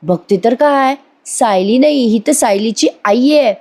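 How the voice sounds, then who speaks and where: Woman doing a shrill scheming young woman. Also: a little slow, a little mellow. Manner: shrill, pretending. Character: scheming young woman, loud and fake-sweet.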